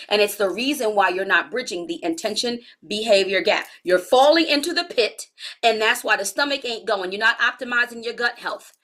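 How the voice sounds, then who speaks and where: In a medium-pitched voice, a woman in her forties talks straight to her audience during a live-streamed health coaching session. She keeps it chatty and laid-back, using slangy everyday language.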